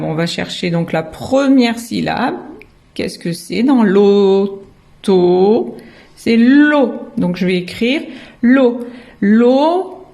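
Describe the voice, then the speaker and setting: Woman, French accent, kindergarten teacher, patient explanation, slow, soft mellow voice. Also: mid-range voice. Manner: patient, sounds out syllables and letters slowly.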